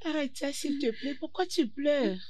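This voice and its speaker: A woman's voice: high-pitched, normal speed, a little mellow, lightly acted. A woman dubbing a caring young housegirl. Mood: concerned. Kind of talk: French dub of a film.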